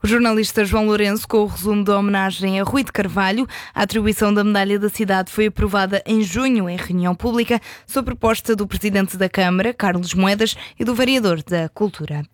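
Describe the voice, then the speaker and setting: A woman with a European Portuguese accent anchoring a radio news bulletin in a calm, formal way. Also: mid-range voice, a little fast, dry recording, soft background music. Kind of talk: news reading.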